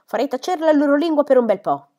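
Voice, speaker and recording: A woman reading the lines of a kindly middle-aged male country doctor who is a protective father, in an earnest, steady way. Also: on the low side, fairly quick, dull audio. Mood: indignant.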